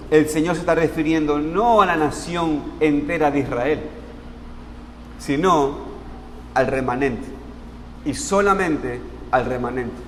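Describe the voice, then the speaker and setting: A man preaching a sermon as pastor. He asks the congregation questions and answers them himself, and he slows down to stress key words. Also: a little high. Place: church sanctuary. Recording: long reverb in a church hall, faint noise.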